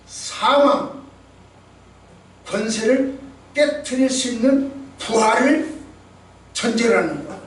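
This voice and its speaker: A man preaches with emphatic, dramatic delivery and a high voice for a man. The sound is heavily echoing, caught from across a church sanctuary. A faint ambient hum lies underneath. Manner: emphatic, dramatic, acts out quotations. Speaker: pastor. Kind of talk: sermon. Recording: echoey church hall, distant mic.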